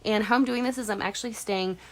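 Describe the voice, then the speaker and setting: This beauty vlogger is a fast talker with a mid-range, slightly bright voice, congested from a cold. In her twenties, she chats casually through her makeup tutorial voice-over and uses "like" constantly.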